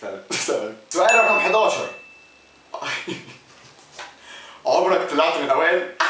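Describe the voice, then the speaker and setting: A young man with an Egyptian Arabic accent hosts a comic Q&A vlog, joking and switching between mock-serious mumbling and loud outbursts. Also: a little high, very animated, brisk, pauses often, very echoey, recorded from a distance, very noisy. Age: young adult. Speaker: comedy YouTuber.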